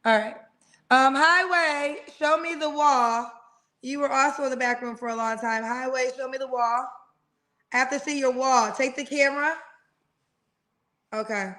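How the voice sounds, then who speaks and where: High-voiced woman hosting a live dating stream. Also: pushed and bright. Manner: drawn-out spelling, affectionate. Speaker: host of a live dating show. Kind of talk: live-stream matchmaking chat.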